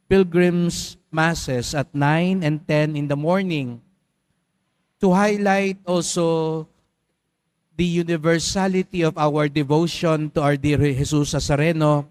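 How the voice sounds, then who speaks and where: Clear-voiced Filipino priest preaching. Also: male voice, a little high, a little mellow. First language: Tagalog. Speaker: priest giving the homily. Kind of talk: conversational sermon. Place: church.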